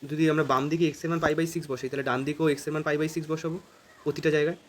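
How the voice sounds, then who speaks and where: This math teacher races through an informal calculus lesson in a steady-toned voice on the high side, casually thinking out loud as he solves each problem.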